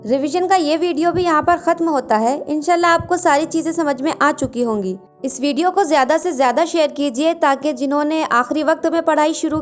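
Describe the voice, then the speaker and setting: A woman teaching an exam revision lesson. She names each term, then reads out its definition and examples. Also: high-pitched.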